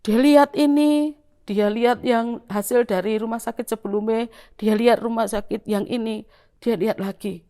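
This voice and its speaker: A middle-aged woman with a Javanese-influenced Indonesian accent, telling her church testimony to the congregation in a lively storytelling way. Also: on the high side, normal speed. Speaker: church member giving testimony.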